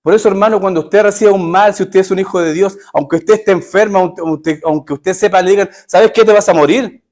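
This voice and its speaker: Emphatic high-voiced male preacher. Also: fairly even intonation, fast talker, darkish tone. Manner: emphatic, with frequent rhetorical questions. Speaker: pastor. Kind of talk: sermon.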